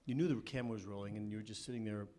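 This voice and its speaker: A man's voice: fairly low pitch, fairly even intonation, racing, dark tone. A man on a film panel telling candid, frank stories about acting and directing. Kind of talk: anecdotal panel talk. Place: cinema cafe panel.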